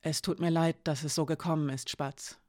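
Woman reader as a guarded thief woman, low, firm, insistent, slow when it counts. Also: fairly even intonation, a little mellow, dry recording, studio quality. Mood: earnest.

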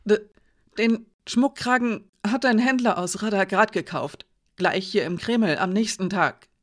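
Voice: medium pitch, lively intonation, normal speed, voice pushed up, natural voice. An audiobook reader voicing a nervous male servant who stammers and rambles as he pleads. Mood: frightened. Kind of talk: audiobook character voice.

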